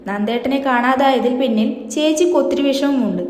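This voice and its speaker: An earnest young woman from a soap serial, gently pressing her sister to admit her feelings, read by a woman in her own voice. The pitch is high. The room is roomy, with a long reverb tail. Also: brisk, lightly acted. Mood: coaxing.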